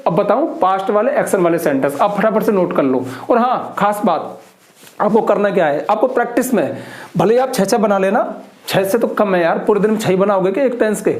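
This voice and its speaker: A man teaching English grammar in a lesson, explaining slowly and repeating his key points. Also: high-pitched, animated. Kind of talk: classroom-style grammar lesson. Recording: echoey room.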